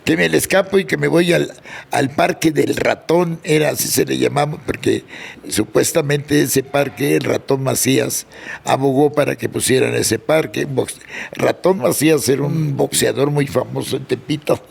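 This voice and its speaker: An older man telling childhood stories in a casual interview, jumping up in pitch when he quotes people. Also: moderate pace, gravelly, breathy edge. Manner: animated anecdote teller, jumps high when quoting people. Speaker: interview guest, sonidero. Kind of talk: casual storytelling.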